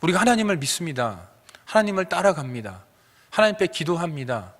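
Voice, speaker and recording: A man preaching as a pastor, earnest, building to emphatic peaks and then dropping to soft low lines. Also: very animated, fast talker. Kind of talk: sermon. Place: church sanctuary. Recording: church sanctuary with long reverb.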